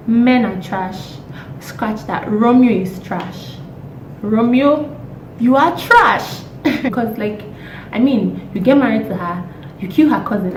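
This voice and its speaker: A young woman, hoarse from a cold, chatting casually and emphatically as a vlogger with exasperated rhetorical questions. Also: medium pitch, dark tone. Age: young adult. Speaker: YouTube vlogger. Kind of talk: casual opinionated chat. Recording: roomy echo, distant mic, faint noise.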